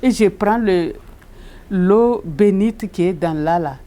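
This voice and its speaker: A woman, a religious sister, telling a personal faith testimony about her hospital chaplaincy work, repeating phrases and jumping high in pitch when she quotes people. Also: slow, mellow. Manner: repetitive, retells with quoted dialogue and sudden high leaps.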